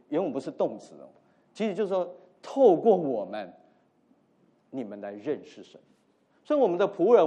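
Male pastor mid-sermon: lively pitch, mellow tone, alternates loud emphasis with quiet asides. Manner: animated preaching, swinging between loud emphasis and soft asides; mixes English words into his teaching.

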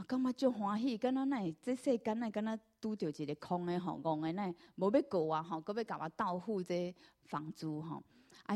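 A woman with a Taiwanese accent giving an earnest personal church testimony, telling her story with many drawn-out fillers. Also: mid-range voice, darkish tone.

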